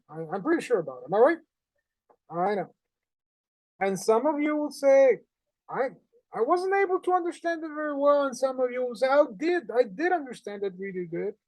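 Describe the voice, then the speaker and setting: Casting: man in his forties from Honduras, teacher, earnest and animated, close dry webcam sound. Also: very high-pitched, moderate pace, pauses often, no echo, poor audio. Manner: earnest, animated, with non-native phrasing. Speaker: English teacher. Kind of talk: online class lesson. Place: small indoor room at home. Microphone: webcam on a video call.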